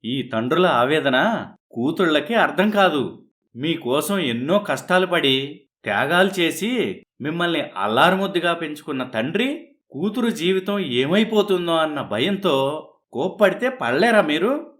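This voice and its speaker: Hearty, chummy doctor. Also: male voice, on the high side, very animated, a little slow, a bit bright. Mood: lecturing. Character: cheerful family doctor, father's old friend. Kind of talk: cartoon story voice acting.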